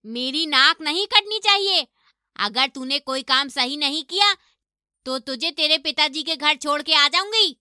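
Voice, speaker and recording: A shrill, bossy cartoon mother-in-law, played by a woman, sneering and domineering. Her voice sits high and rings very bright and sharp. It sounds dry and close, with no room around it. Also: lively intonation, a little slow, no echo, exaggerated voice. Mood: scolding. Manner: taunting, domineering. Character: harsh scolding middle-aged mother-in-law. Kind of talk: animated story voice acting.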